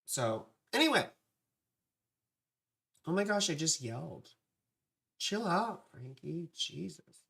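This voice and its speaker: An astrology livestream host with a dry, parched vocal fry, chatting casually with viewers in a playful, scattered way, often breaking off into affectionate asides. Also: mid-range voice, expressive, measured pace, a bit bright.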